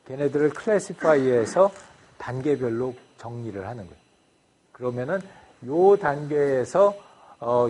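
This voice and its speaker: A man's voice: medium pitch, darkish tone. A man giving a university lecture, explaining a design process step by step, with frequent fillers and English loanwords.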